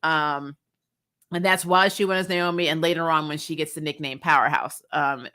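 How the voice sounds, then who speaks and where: Clear and resonant, the voice sits at medium pitch with a steady, sharp tone and normal speed. It belongs to a middle-aged TV recap host who grew up on military bases and chats bluntly and casually through a review, often exasperated and swearing freely.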